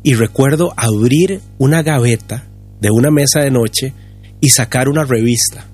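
Pastor, 50s, husky, earnest and halting, faint music bed. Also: male voice, medium pitch, a little mellow. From Costa Rica. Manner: earnest, halting with many restarts. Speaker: pastor and guest. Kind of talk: candid testimony on a podcast.

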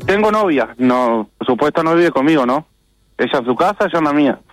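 A man's voice: a little high, lively intonation, brisk, no echo, faint music behind, low-quality recording. A young man in his twenties with an Argentine accent, chatting easily as a caller to a radio show. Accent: Argentine Spanish. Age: 20s. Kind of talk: phone-in chat.

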